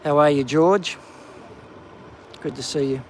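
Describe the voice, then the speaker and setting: A man's voice: on the high side, a little slow, a little hiss or hum, poor audio. Chatty man streaming outdoors. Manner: casual, chatty, lots of ums, excited calling out whales. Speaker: live-stream host. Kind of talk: live walking vlog commentary. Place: outdoors on a coastal clifftop walk.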